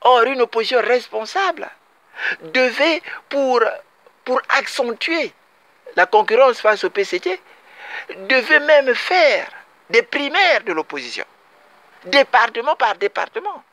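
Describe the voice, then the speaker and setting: A man from Congo-Brazzaville holds forth in an emphatic political commentary. His voice sits high for a man and moves widely in pitch. He repeats his key phrases and speaks straight to his fellow citizens. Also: very animated, unhurried, pushed and bright, no room sound. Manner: emphatic, repetitive, addresses compatriots directly.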